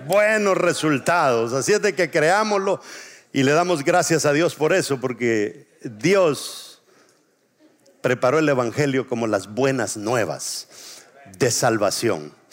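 A man's voice: mid-range voice, lively intonation. A male pastor preaching a sermon. He asks the congregation to repeat words after him and stretches out key phrases. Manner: call-and-response preaching, drawn-out emphasis.

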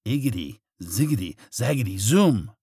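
A man voicing an excitable female witch who calls out in sudden shrill cries. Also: moderate pace, breathy edge, no room sound, clean studio sound, exaggerated voice. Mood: grateful, chanting.

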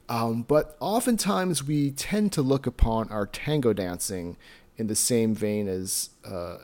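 A man's voice: lowish voice, a little mellow. A middle-aged man talking casually and earnestly as a solo podcast host, in an encouraging way. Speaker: podcast host and tango teacher.

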